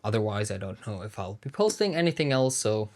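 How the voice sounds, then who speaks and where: A man with a German accent giving casual unboxing commentary, thinking aloud in halting phrases as he handles gear. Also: on the low side, sing-song. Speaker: product reviewer.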